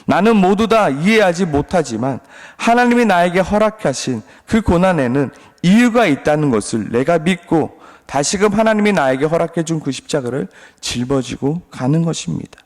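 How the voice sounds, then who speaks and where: A pastor preaching an earnest sermon, asking repeated rhetorical questions. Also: male voice, a little high, lively intonation, moderate pace. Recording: long reverb.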